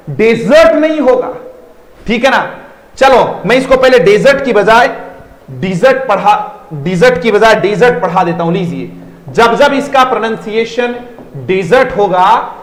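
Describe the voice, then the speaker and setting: A man teaching English vocabulary in an online class. He speaks Indian English, mixes in Hindi, slows down to repeat words and keeps asking the students whether they are following. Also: high-pitched, roomy sound, low-quality recording. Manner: addresses students affectionately as dear children.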